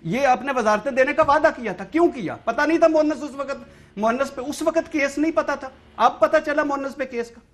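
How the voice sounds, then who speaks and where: A man, a journalist guest on a talk show, arguing heatedly and firing repeated rhetorical questions. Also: extremely high pitch.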